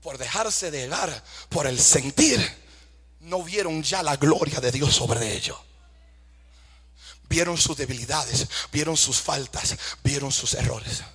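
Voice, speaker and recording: High, bright-voiced husky preacher man. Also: slow, in a large hall. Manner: fervent, rhetorical questions, calls for amen; mixes English phrases into Spanish. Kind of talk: sermon.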